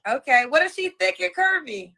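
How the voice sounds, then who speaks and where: A woman hosting a live-stream dating interview, firing off quick questions and repeating the answers back. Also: very high-pitched, animated, gravelly, pushed and bright.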